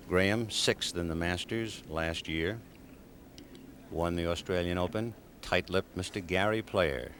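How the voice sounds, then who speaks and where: A man commentating on a golf tournament in measured, dramatic, short phrases on an older television broadcast. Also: deep voice, a bit bright. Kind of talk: live golf tournament commentary, scene-setting. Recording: 1970s TV broadcast, light background noise.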